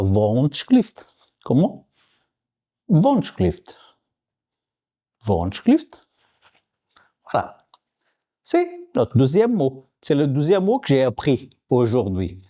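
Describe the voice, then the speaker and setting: Teaching words by repeating them again and again, this vlogger from Portugal speaks with a Portuguese accent in a relaxed language-learning video. His mid-range voice has a warm tone.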